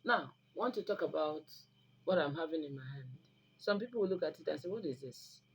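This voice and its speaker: In an animated, deep voice and at a slightly fast clip, a woman with a Nigerian Igbo accent, native in Igbo, offers herbal remedy advice as an online video host. She talks to the camera casually but instructively, emphatic and preachy, often repeating phrases for stress. Poor audio with noticeable background noise.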